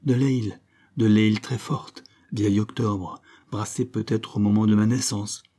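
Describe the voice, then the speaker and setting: A man's voice: lowish voice, fairly even intonation, a little slow, warm tone. A man doing a mischievous young doctor. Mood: mock-formal. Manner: mock-formal, playful. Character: young male doctor, mischievous yet gentle.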